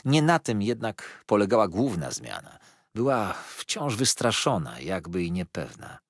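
A man narrating an audiobook in an expressive, lively reading. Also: on the low side, a little slow, dry recording, studio quality.

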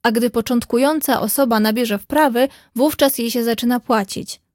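A woman's voice: fairly high pitch, moderate pace, a little mellow, dry recording, studio quality, close to an everyday voice. A woman voicing a spirited young woman telling her news eagerly.

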